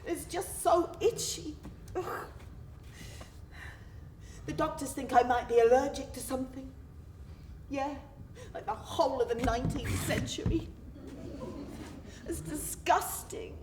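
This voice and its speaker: A woman playing a romantic, dramatic, self-mocking teenage girl named Mary in a one-woman stage monologue, theatrical and swinging between giddy and hushed. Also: sits high, unhurried, pauses often, far from the mic, background noise. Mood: wry. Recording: roomy stage sound from afar, music.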